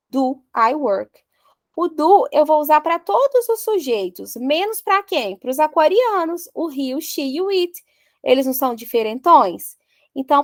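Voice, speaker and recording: A woman's voice: high-pitched, no room sound. A woman with a Brazilian Portuguese accent teaching an English grammar lesson, joking around and drilling verb forms one by one. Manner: playful, jokey, drills conjugations slowly one by one.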